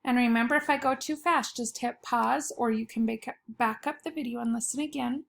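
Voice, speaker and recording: A woman's voice: a little high, steady tone, brisk, gravelly. A woman, a schoolteacher dictating a spelling test, setting words apart carefully and repeating them. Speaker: elementary school teacher.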